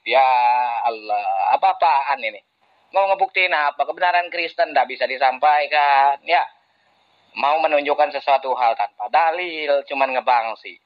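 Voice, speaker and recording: A man in a heated online debate, mocking his opponent and laughing between jabs. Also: on the high side. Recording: muffled lo-fi voice chat audio.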